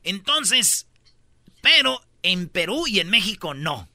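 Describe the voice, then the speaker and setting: A man hosting a comedy radio show, telling stories in quick slang and acting out the people he quotes. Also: sits high, very animated, sharp tone, dry recording, clean studio sound. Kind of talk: comic radio banter.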